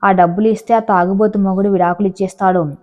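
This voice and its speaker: A woman's voice: mid-range voice, steady tone, fast, darkish tone, natural voice. A woman voicing a domineering middle-aged mother-in-law, urging her son impatiently. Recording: dull lo-fi audio.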